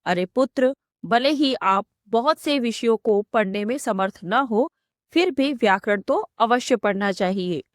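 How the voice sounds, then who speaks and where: A woman's voice: on the high side, expressive, unhurried, dry recording, clean studio sound. A woman teaching a school textbook lesson, reading each phrase aloud and then explaining it, line by line. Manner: reads each Sanskrit phrase, then gives its meaning. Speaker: Sanskrit teacher.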